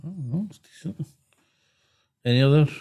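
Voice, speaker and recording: A man hosting a podcast, chatting in an easygoing way and dropping in quick comments. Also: fairly high pitch, animated, dark tone, slightly rough. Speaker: podcast host. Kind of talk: casual chat.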